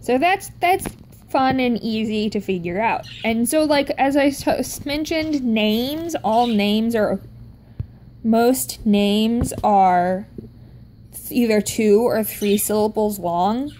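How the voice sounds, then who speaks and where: Slow, mellow-voiced woman rambling casually. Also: a little high, slight background noise. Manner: rambling, self-interrupting, chatty. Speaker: vlogger explaining Korean writing.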